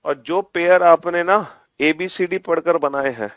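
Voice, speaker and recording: A man's voice: a little high, dry recording. A young man teaching an exam-prep reasoning lesson, repeating each step and asking questions that he answers himself in the students' voice. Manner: answers his own questions in the students' voice, addresses them as beta; spells out letters slowly, repeating each step.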